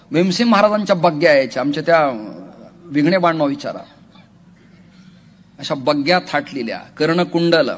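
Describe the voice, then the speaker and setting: At a large outdoor religious gathering, a man with a highish voice preaches a humorous devotional kirtan sermon. He's animated, jokes with the crowd, and often raises his voice.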